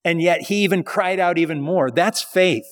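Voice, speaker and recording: A man's voice: high-pitched, normal speed, long reverb tail. A male pastor preaching a sermon in a conversational style, with rhetorical questions.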